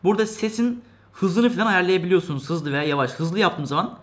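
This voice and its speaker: A man's voice: high-pitched, lively intonation, brisk. A man reviewing a gadget in a casual vlog at his desk, chatty and joking, laughing often and grumbling playfully. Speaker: tech reviewer.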